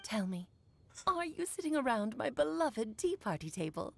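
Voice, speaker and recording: A woman's voice: on the high side, very animated, normal speed, creaky, heavily acted. An actress playing a playful, worldly mage mother in a video game, with a theatrical storytelling manner. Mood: playful, warm.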